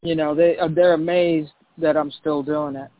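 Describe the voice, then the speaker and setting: Casting: middle-aged male DJ from Puerto Rico, chatty and relaxed, slightly high voice, narrow phone-like sound. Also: moderate pace. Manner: relaxed, chatty, many "you know" fillers. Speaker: DJ and former record label marketing director. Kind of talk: conversational interview answers.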